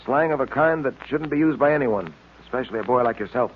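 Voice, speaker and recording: In this tinny, noisy old radio recording, a man with a mid-range voice performs 1940s radio drama at a quick, fairly everyday pace. He plays an upright, earnest police detective, firm and clipped with a fatherly tone.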